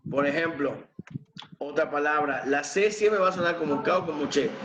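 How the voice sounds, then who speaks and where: A man's voice: fairly high pitch, steady tone, moderate pace, fairly bright tone, echoey room, lo-fi sound. A man teaching a class, patiently spelling out sounds one at a time and quizzing his students. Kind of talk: explaining pronunciation to a class.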